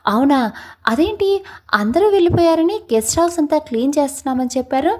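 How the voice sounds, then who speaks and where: A woman's voice: sits high, animated, fast, darkish tone, pitched above the performer's own voice. A woman voicing a playful, teasing young man in love in a Telugu audio story. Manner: playful, joking.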